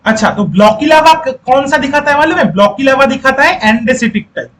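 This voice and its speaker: A man's voice: very high voice, lively intonation, brisk, fairly bright tone, a little hiss or hum, low-quality recording. A male teacher giving a lecture who repeats key points, quizzes the class and coaxes students to speak up.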